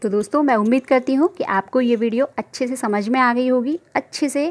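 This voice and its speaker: A woman's voice: high-pitched, brisk. A woman giving an online grammar lesson, asking questions and answering them herself, and drawing out sounds to demonstrate them. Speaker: Hindi grammar teacher.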